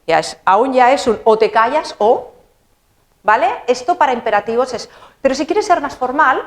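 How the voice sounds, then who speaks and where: A woman, an English teacher explaining grammar in an animated, chatty, playful way. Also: sits high, normal speed.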